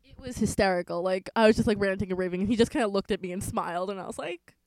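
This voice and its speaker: A woman's voice: medium pitch, rapid-fire, a little mellow, rough recording. A young woman co-hosting a podcast, telling stories in a chatty way full of fillers. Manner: chatty storyteller, many "like" fillers. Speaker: podcast co-host. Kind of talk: casual chat.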